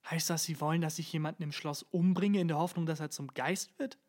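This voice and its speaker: A narrator voicing a nervous young male intern who stammers and rushes his words in a storybook reading. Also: mid-range voice, steady tone, darkish tone, lightly acted. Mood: stammering. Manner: stammering, hurried.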